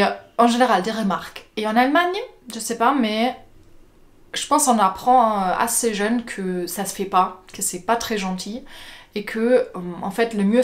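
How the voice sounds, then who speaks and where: A woman from Germany with a German accent, telling personal stories casually to her viewers, with many hesitations and repeated words. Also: mid-range voice. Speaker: vlogger. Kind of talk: casual personal storytelling to camera.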